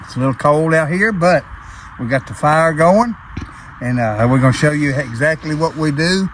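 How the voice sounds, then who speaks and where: A man's voice: fairly high pitch, normal speed, fairly bright tone. A man with an Arkansas Southern accent, chatting in a laid-back, plainspoken way as he co-hosts outdoor cooking. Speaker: outdoor cooking vlog co-host. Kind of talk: casual chat. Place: outdoors by a fire. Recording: noisy outdoor camera audio.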